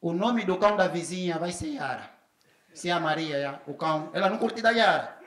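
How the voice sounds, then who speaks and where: A man's voice: high-pitched, lively intonation, a little fast, a bit bright, reverberant. A man with an Angolan Portuguese accent doing a slangy stand-up comedy set on a festival stage, acting out neighbors in quoted voices.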